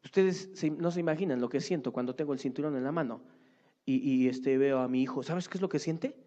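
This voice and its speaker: A man's voice: mid-range voice, a little fast, warm tone. A man preaching a sermon as pastor, emphatic and often checking with the congregation through short tag questions. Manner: emphatic, seeks agreement with repeated tag questions. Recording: muffled lo-fi recording.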